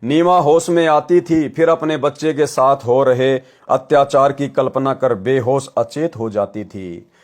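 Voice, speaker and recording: A man's voice: mid-range voice, unhurried. A male preacher reading a scripture story aloud and stopping to comment, calling his listeners brothers and sisters.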